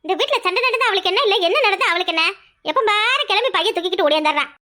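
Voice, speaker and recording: A woman's voice: very high voice, lively intonation, racing, sharp tone, heavily acted. A woman voicing a scheming older village mother-in-law in a cartoon, with a Kanyakumari Tamil accent and a muttering, grudging way of talking.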